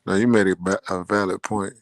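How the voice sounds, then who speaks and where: A man with a very low, gravelly voice talks casually as a podcast guest. He is unhurried and considered, heard close and dry. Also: flat delivery, dry recording. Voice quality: deep, gravelly. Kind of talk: casual conversation.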